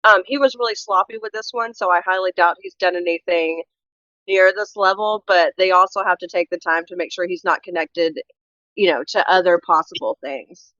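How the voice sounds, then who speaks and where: A woman's voice: fairly low pitch, steady tone, moderate pace, fairly bright tone, no echo, dull audio. A woman guest co-host in a casual true crime chat, emphatic and opinionated, rambling through her points.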